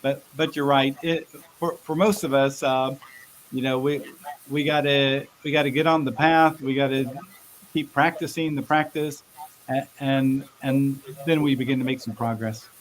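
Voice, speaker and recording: Male interview guest, medium pitch, conversational explainer with a halting, word-repeating delivery and light hiss. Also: fairly even intonation, poor audio. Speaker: interview guest, expert speaker. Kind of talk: casual explanatory interview talk. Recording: faint background hiss.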